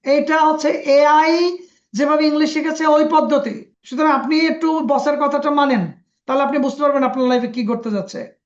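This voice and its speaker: Play a high-voiced Bangladeshi teacher on an echoey call. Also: female voice. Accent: Bangladeshi Bengali. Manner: drills sounds slowly, coaxing and self-assured. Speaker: phonics teacher. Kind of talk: online pronunciation class. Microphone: video call. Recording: echoey, dull lo-fi webinar audio.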